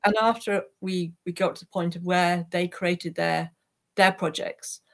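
An older woman with a low, creaky voice speaks in a steady tone at a measured pace. As a peace activist guest in an online interview, she reflects earnestly and from the heart on her own experiences, using her computer mic on a video call from a small attic room at home.

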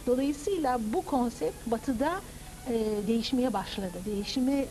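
A woman in her fifties with a fairly high voice speaks on a lapel mic in a TV studio. She explains in a measured, lecturing way, as an opera director and teacher would. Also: lively intonation, dark tone, low-quality recording. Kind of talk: studio TV interview.

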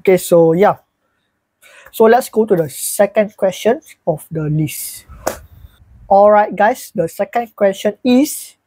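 The poor, echo-free audio captures a twenty-one-year-old YouTuber whose voice sits high, dark and slightly rough. He talks loosely to camera while seated in his small bedroom with a fan, leaning on "so yeah" and "alright, guys."

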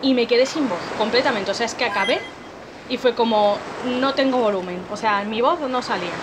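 A young woman from Spain with a Spanish accent, chatting and joking as she plays a game, slightly hoarse from straining her voice. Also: fairly high pitch, normal speed, noisy background. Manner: chatty, joking, swears casually. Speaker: gamer. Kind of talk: let's play commentary. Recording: voice over game music.

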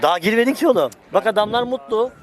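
A man's voice: high-pitched, expressive, fast, noisy background. A man hosting a casual vlog outdoors, chatting and commenting in a teasing, joking way. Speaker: vlog host and interviewer.

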